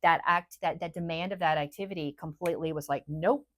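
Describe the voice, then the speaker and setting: A woman hosting a podcast, talking in a casual, emphatic and animated way. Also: fairly low pitch, fast talker. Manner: emphatic, animated storytelling with acted-out quotes. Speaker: podcast host.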